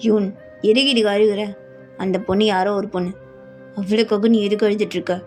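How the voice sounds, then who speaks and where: A woman's voice: medium pitch, fairly even intonation, fairly quick, darkish tone, faint music behind, lightly acted. A woman voicing an evasive, dismissive middle-aged father. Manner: dismissive, firm.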